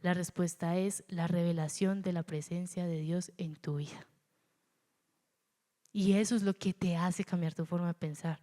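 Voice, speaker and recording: Animated woman preaching in a reverberant hall. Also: on the low side, moderate pace. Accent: Colombian. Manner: animated, acts out quoted voices, stutters for effect. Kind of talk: sermon.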